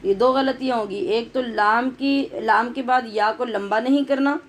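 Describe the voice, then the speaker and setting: A woman teaching tajweed in a religious lesson, explaining pronunciation and modelling words and verses in slow, drawn-out recitation. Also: fairly high pitch, slight background noise, rough recording.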